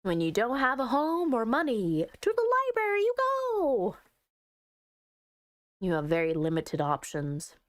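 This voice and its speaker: A game streamer with a fairly high voice whose pitch swoops wildly talks to herself while playing a visual novel, reading the text aloud. Her casual, chatty commentary is unhurried yet dramatic, recorded at studio quality with no echo.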